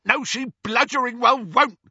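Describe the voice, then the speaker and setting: A man shouting as an uncouth thug wizard. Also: high-pitched, sing-song, normal speed, slightly rough, no echo, voice pushed up, exaggerated voice. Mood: frantic. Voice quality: coarse, uneducated speech. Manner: shouting, snarling, panicky. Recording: dull dry lo-fi recording.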